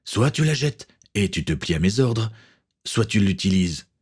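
A stern middle-aged pirate captain who gives orders without raising his voice, read by a male narrator. His voice sits deep and husky, firm and authoritative. It is a storybook reading. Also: big pitch swings, measured pace, full character voice.

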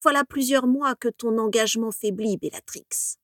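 Voldemort, a woman voicing a cold scornful dark lord. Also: fairly high pitch, dry recording, clean studio sound, close to an everyday voice. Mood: contemptuous. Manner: slow, cutting, disdainful.

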